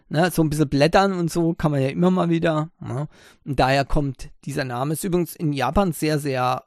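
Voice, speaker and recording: A man's voice: on the high side, darkish tone, no echo. Chatty German man, dry close mic. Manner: chatty, many fillers, sarcastic asides. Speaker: podcast host. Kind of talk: casual tech podcast talk.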